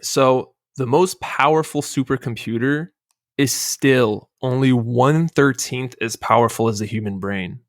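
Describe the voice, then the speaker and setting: A man's voice: mid-range voice, dry recording, studio quality. A man hosting a casual podcast discussion, explaining at length and often checking in with "right?". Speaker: podcast host.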